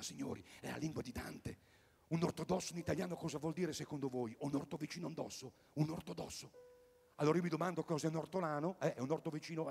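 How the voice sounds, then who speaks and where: A man doing a rambling stand-up comedy routine at a live concert, swinging between loud bursts and mutters. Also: a little high, vocal fry, husky, in a large hall. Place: outdoor tennis courts at a live event.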